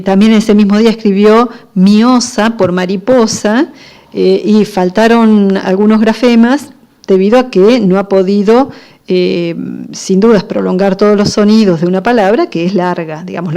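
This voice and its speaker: Argentine woman lecturer, warm low-key timbre, patient explanatory delivery full of pauses. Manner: explanatory, frequent fillers and pauses. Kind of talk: recorded lecture on literacy.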